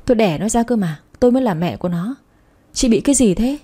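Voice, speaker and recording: A woman's voice: a little high, lively intonation, fast, breathy edge. Woman doing a furious young mother screaming for her baby. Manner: shouting, cursing.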